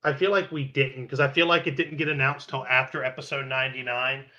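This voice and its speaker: Man, podcast co-host, bright voice, casual rambling chat, lots of restarts. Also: mid-range voice, brisk, highs cut off. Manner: relaxed, rambling, many fillers and restarts.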